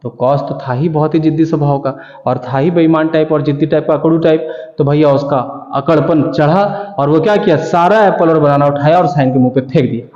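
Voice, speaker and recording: A man in a chatty maths lesson, coaxing and colloquial, his voice sitting a bit high but mellow and warm. The sound is dull and lo-fi, with a roomy echo that hangs on in a long reverb. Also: fairly even intonation, brisk. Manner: colloquial and coaxing, keeps asking "okay?"; explains with homely stories, calls students "babu". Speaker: maths teacher.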